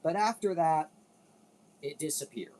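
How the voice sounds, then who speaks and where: A man's voice: on the high side, lively intonation, a little slow, a little mellow, rough recording. A man hosting a casual commentary video, rambling, cutting himself off and swearing now and then. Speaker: video host.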